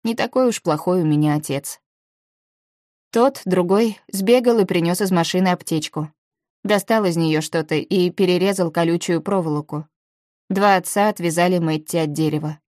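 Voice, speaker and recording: A woman reading a first-person novel aloud as an audiobook narrator, in a measured storytelling way. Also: lowish voice, a little mellow, dry recording, studio quality.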